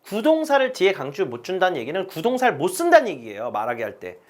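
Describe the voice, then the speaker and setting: A man lecturing on English speaking-test prep, drilling phrases slowly with strong stress. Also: sits high, wildly swooping pitch.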